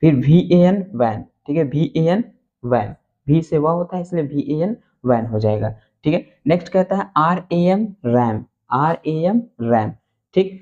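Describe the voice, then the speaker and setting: A man with a Hindi accent and Hindi as his first language, teaching beginners English phonics, spelling letters out slowly and repeating each answer. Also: fairly high pitch, animated, darkish tone, lo-fi sound.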